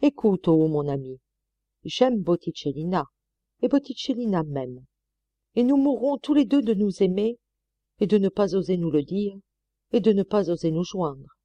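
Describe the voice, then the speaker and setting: A woman's voice: mid-range voice, animated, normal speed, warm tone, no echo, dull audio, natural voice. A woman reading an imperious, lyrical male poet in an audiobook, lofty and declamatory. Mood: exalted.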